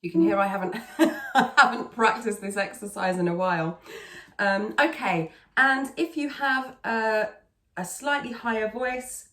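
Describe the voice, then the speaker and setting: A woman's voice: medium pitch, measured pace, sharp tone. Echoey woman teaching singing technique. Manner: instructional, repeats words for emphasis. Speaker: singing teacher and video host. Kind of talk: conversational vocal technique tutorial. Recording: echoey, roomy sound.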